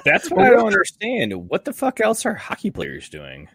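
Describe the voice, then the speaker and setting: A man's voice: high voice, wildly swooping pitch, normal speed, fairly bright tone, husky, no echo, studio quality. A man joining a casual podcast chat, wisecracking and swearing. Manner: wisecracking, profane.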